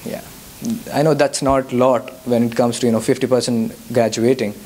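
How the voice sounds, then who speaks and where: Guest-speaking at a church youth service, a young Indian man fields audience questions in English with a Telugu accent, Telugu being his native language. His medium-pitched voice is warm and steady at a moderate pace, though he hesitates, using many fillers and restarting often.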